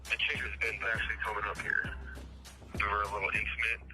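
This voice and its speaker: A man's voice: lowish voice, level tone, fast talker. A man talking casually over a prison phone call on speakerphone, heard as reality TV show audio. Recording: TV show audio with loud music beneath.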